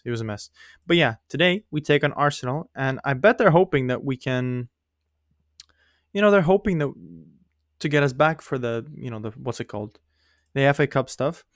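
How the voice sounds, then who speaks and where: With a mid-range, slightly bright voice and a clean tone, a young gaming YouTuber chats casually over his own game. He isn't a native English speaker, and he rambles, laughs a lot and pokes fun at his own play. The recording is dry and studio quality.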